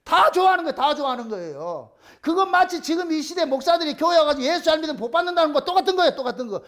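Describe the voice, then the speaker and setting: Male pastor, very high animated sermon delivery, blunt storyteller. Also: very fast. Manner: animated storytelling, acting out biblical dialogue with a blunt colloquial tone.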